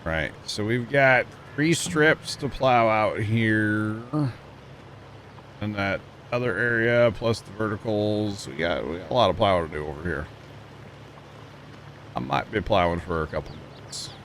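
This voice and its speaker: A man's voice: fairly low pitch, a little slow, a little hiss or hum. A man on a livestream, talking casually into a headset mic while he plays a farming game and greets his chat. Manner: greets chat viewers casually, relaxed and chatty.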